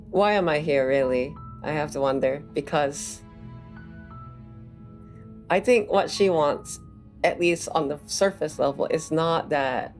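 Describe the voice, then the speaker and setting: Low, unhurried woman commenting on a game. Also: a little mellow. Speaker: game streamer. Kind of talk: casual playthrough commentary.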